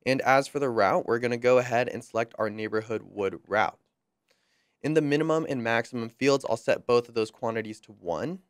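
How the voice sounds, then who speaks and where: A young man talks through a software tutorial in a smooth, clean voice, recorded close and dry. His delivery is friendly and upbeat, with a light joke now and then. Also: medium pitch, brisk, no echo. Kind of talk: screen-recorded software walkthrough.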